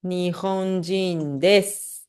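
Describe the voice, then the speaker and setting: A woman with a Brazilian Portuguese accent teaching an online language lesson, patiently repeating phrases slowly and checking in with the listener. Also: fairly low pitch, fairly even intonation, darkish tone, clear, resonant tone.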